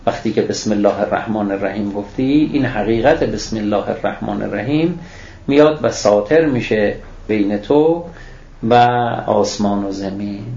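A man's voice: fairly low pitch, gravelly, darkish tone, slight background noise. A man giving a religious lecture on scripture, reciting Arabic phrases and then explaining them, posing rhetorical questions and answering them himself. The recording is echoey and dull.

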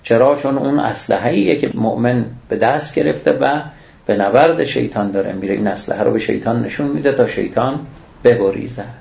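Speaking in a gravelly mid-range voice with a darkish tone, a man lectures on religious scripture. Reciting Arabic phrases and unpacking their meaning, he raises questions only to answer them, and the sound is dull and echoey.

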